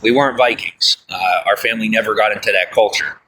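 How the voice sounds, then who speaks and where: There's background noise as this livestreaming man talks briskly in a lowish voice, casually answering viewer comments. He rambles with fillers and folksy asides, repeatedly saying "I'll tell you what."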